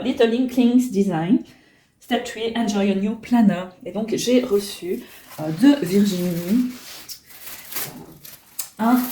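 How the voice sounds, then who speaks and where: Middle-aged woman book vlogger, chatty and self-teasing, mellow tone, heard from a few feet off in a roomy room. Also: medium pitch, a little hiss or hum. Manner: chatty, self-mocking, many hesitations. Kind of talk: casual chat to camera. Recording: roomy and a bit distant.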